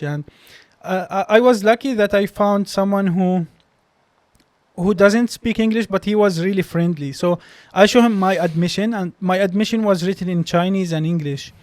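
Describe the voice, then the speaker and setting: Recorded dry, a young man with a high, slightly mellow voice talks at a moderate pace. Arabic is his native language, his accent is Palestinian, and he is a doctor recounting stories as a podcast guest. The casual interview storytelling comes out hesitant, with frequent restarts.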